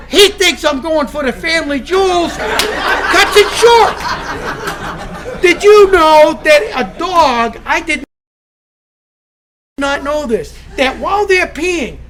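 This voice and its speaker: High-voiced man telling a funny story. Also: lively intonation, measured pace, a crowd in the background. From Florida. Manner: chuckles through his telling, stumbling restarts. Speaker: recovery meeting speaker. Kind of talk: humorous storytelling to an audience. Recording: audience laughter in the background.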